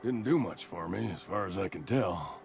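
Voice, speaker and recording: An actor playing a nervous, fatalistic company worker in a video game, ailing and doom-laden, with quaintly formal, folksy talk. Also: male voice, low-pitched, lively intonation, moderate pace, creaky, a little hiss or hum. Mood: conspiratorial, resigned. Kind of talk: video game character acting.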